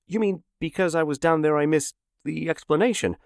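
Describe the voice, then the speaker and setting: A man voicing a terrified middle-aged shopkeeper who shouts and pleads frantically in an audiobook. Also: fairly high pitch, brisk, vocal fry, dry recording, studio quality, voice pushed up. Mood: urgent pleading. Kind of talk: audiobook character voice.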